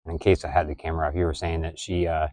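A man's voice: extremely low pitch, level tone, fast talker, darkish tone, no room sound. A man filming a casual vlog outdoors at an animal enclosure, asking easygoing, curious questions. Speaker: vlogger filming a visit. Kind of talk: casual handheld vlog chat.

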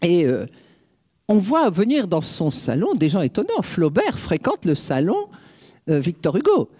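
A woman's voice: fairly low pitch, wildly swooping pitch, unhurried, mellow, husky. A woman giving an academic lecture on literature, hesitant and full of fillers, with wry asides. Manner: hesitant, with frequent "euh" fillers.

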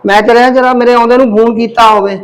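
A man's voice: very high-pitched, fairly even intonation, fast talker, poor audio. A man playing a husband who bullies and threatens his wife, barking bossy orders in an amateur family drama. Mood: bullying.

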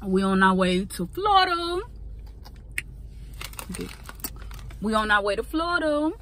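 A very animated woman in her thirties vlogs casually into her phone, held close at arm's length, moving between a car and a hotel bathroom; she's blunt and profane and repeats herself. Her mid-range voice is fairly bright and a little slow. The low-quality recording sounds roomy, with a little hiss or hum.

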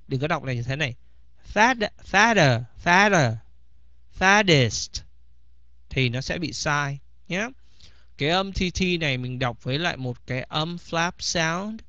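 A man's voice: a little high, moderate pace, dry recording. A man teaching English vocabulary in a bilingual lesson, repeating each word several times. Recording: slightly dull, dry recording.

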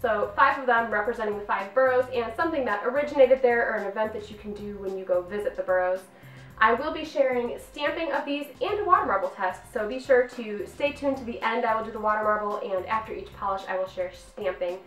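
A woman's voice: a little high, fairly quick. A woman in her thirties reviewing nail polish on her vlog, bubbly and gushing, filmed in a room at home. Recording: roomy, distant mic, faint music.

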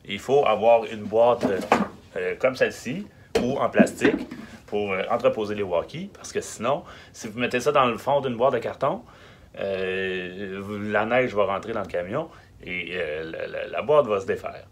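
This film production logistics technician, a man in his thirties from Quebec, gives informal tips in a Quebec French accent, his voice on the low side and muffled by a face mask. He stresses and repeats key words, pausing hesitantly. He's in a cramped wooden-lined storage truck, and the audio carries a faint hum and background noise.

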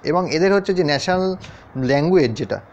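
A man's voice: on the high side, expressive, fairly quick, darkish tone. A man teaching an exam-prep lesson over a map, talking straight to his students and checking in with them often. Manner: addresses students directly, often checks in with questions. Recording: dull, lo-fi sound.

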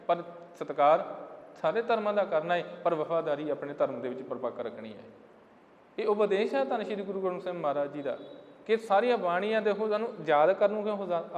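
High-voiced man preaching in a reverberant hall. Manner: slowly sings quoted scripture lines; addresses listeners as dear ones of the Guru. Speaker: Sikh preacher giving katha. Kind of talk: sermon explaining scripture lines.

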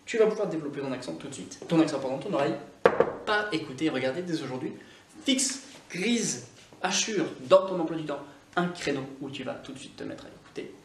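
A Scottish man, native English speaker, coaching learners in a lively, repetitive way. His voice sits a little high for a man. He is recorded from a distance in a roomy, echoing space with faint background ambience. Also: slight background noise. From Scotland. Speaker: English teacher. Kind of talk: casual video lesson. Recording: echoey room, mic at a distance.

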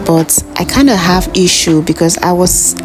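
Nigerian girl in her 20s doing a chatty vlog voiceover, lowish voice, loud music under it. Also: normal speed. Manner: chatty, confiding, full of fillers like "you know". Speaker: vlogger. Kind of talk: casual voice-over narration. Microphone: phone or recorder voice-over. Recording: voice-over with loud music behind.

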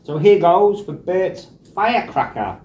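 A man in his forties giving an informal snack review, thinking aloud in short, halting phrases. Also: sits high, very animated, a little mellow. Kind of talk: casual food review to camera. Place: small bare indoor room. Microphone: camera across a table. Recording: echoey room with clear background noise.

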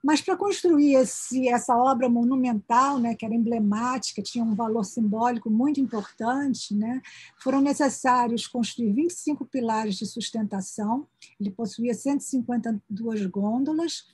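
A woman giving an academic conference presentation over a video call, peppering her sentences with little tag questions and restarting phrases as she rushes to finish in time. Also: on the high side, a little mellow, breathy edge. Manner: sprinkles "né" fillers and restarts mid-phrase; hurried toward the end of her time.

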